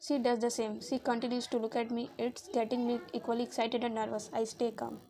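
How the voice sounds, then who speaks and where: A woman reading a romance novel aloud in a steady, even way, now and then stumbling and re-reading a word. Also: fairly high pitch, brisk, slight background noise, rough recording. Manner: steady, even read-aloud delivery with small slips and re-reads. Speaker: audiobook reader.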